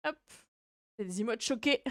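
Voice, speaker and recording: A woman's voice: fairly high pitch, lively intonation, slow pace, no echo, studio quality. A woman hosting a livestream in casual chat, with a cute, playful and rambling, hesitant way of talking. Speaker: VTuber livestream host.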